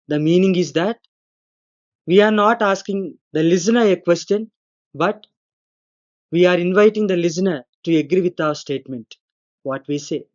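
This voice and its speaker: A man, a lecturer giving a recorded grammar lesson, explaining slowly and deliberately and acting out the intonation of his examples. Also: high-pitched, dull audio. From India. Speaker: English lecturer.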